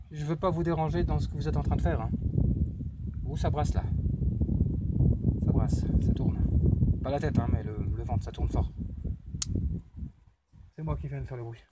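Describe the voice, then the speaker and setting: A man talks to unseen spirits on a ghost hunt, stumbling and restarting his sentences as he goes. His voice sits at an ordinary middle pitch. He is recorded outdoors. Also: heavy background noise. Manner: halting, stammering, restarts often. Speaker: paranormal investigator. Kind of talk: addressing spirits during a ghost hunt session.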